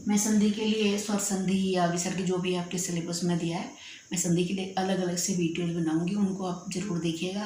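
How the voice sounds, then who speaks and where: A woman's voice: medium pitch, a little mellow. A woman teacher explaining a grammar lesson patiently, often checking that students follow. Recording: very echoey room with faint noise.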